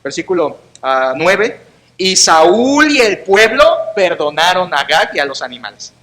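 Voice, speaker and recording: A pastor delivering a sermon in a church, a man whose voice sits notably high and sounds bright and sharp. He preaches with emphatic, sarcastic force and acts out the quoted lines, with a Mexican Spanish accent. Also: sing-song, a little slow.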